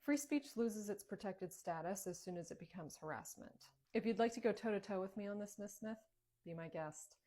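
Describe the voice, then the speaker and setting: A woman's voice: mid-range voice, normal speed, dark tone. A woman acting in a comedy skit, firm and assertive, recorded in an echoey room. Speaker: teacher and comedy skit creator.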